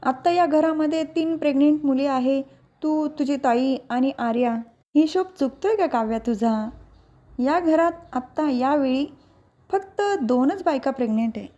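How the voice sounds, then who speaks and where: A woman's voice: high voice, normal speed, mellow, highs cut off, lightly acted. A woman voicing a sneering spiteful aunt. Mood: taunting. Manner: sneering, mocking. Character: scheming middle-aged aunt, taunting and spiteful.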